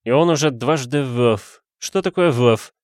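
A man's voice: mid-range voice, measured pace, dry recording, studio quality, voice pushed up, close to an everyday voice. A man doing a fawning gallant detective. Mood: businesslike. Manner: florid, fawning, theatrical. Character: fawning flowery male police detective, shameless gallant. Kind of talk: audiobook character voice.

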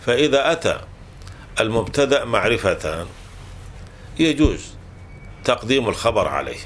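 A man's voice: mid-range voice, big pitch swings, normal speed, slight background noise. Patient man teaching grammar, repeating rules. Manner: patient and repetitive, restating each rule several times with self-corrections. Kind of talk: explaining a classical grammar text to a student.

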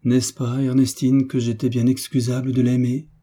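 A man's voice: mid-range voice, completely flat delivery, moderate pace, warm tone, husky, pitched above the performer's own voice, lightly acted. A man voicing a proud, grieving young orphan woman in an audiobook, pleading through tears. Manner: sorrowful, tearful pleading. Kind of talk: audiobook reading.

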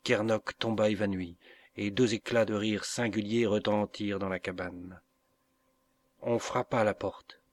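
Man, audiobook narrator, novel reading, very slow, low voice, measured. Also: steady tone. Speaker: audiobook reader.

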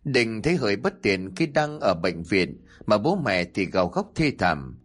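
Low, husky man reading a story dramatically. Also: big pitch swings, measured pace, a bit bright. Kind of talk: audiobook narration.

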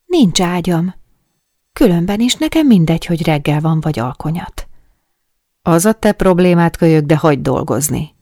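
A woman voicing a grumbling, short-tempered grown man in an audiobook, speaking loudly and snappishly. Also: fairly low pitch, expressive, dry recording, clean studio sound. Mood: annoyed. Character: gruff grown man fixing a plane, irritable. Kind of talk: audiobook character voice.

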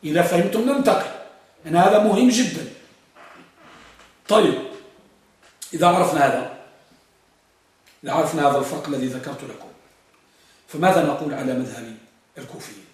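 A man teaches grammar to a class, repeating each rule and checking whether his students follow. His voice sits high for a man. He sounds set back from the mic, in a room with strong echo. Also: fairly quick, pauses often. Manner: repeats points and quizzes students. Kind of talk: classroom lecture. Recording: echoey room from far off.

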